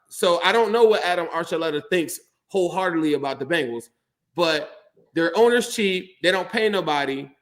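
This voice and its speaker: A man hosting a casual sports talk show, talking in an animated, rambling way and often repeating words. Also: sits high. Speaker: sports podcast host.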